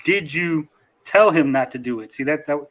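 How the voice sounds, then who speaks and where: A man's voice: on the high side, moderate pace, a bit bright, low-quality recording. A man hosting a casual panel chat who teases and needles the others, insisting on his point. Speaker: podcast host.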